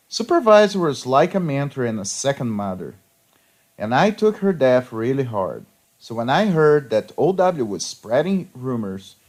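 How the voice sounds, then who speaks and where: A man reading petty revenge stories aloud, with a sarcastic storytelling manner. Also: medium pitch. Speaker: story narrator.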